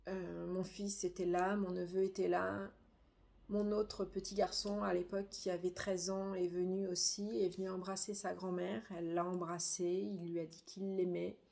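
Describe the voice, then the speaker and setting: A middle-aged woman giving a grieving personal testimony, halting and subdued, with frequent hesitations. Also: lowish voice, flat delivery, creaky, mellow. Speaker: bereaved daughter.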